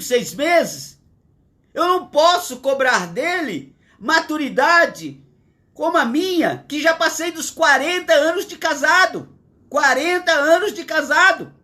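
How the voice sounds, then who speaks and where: A pastor in his sixties with a Brazilian Portuguese accent preaches a livestreamed sermon from his home, earnest and emphatic, repeating his points. His voice is very high-pitched, bright and forceful.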